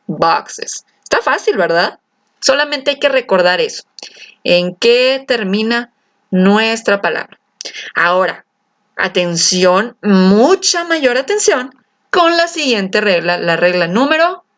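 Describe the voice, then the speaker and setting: A woman teaches an English grammar lesson in a lively, coaxing way, asking her students questions and stretching out key words. She speaks slowly at medium pitch. The recording has a slightly dull, lo-fi sound.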